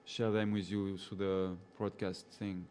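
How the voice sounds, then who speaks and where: The French-speaking safari guide speaks in a low voice at a measured pace, his French accent clear. Casually chatting with live viewers, he reads their comments aloud, answers them by name and laughs often, over a slight hiss or hum.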